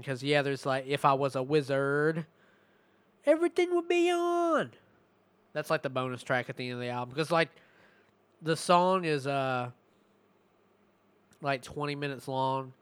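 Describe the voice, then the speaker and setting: A man giving a casual, profane album review, rambling and slipping into rapped lyrics, his voice going hoarse. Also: on the high side, a bit bright, no echo. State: losing his voice.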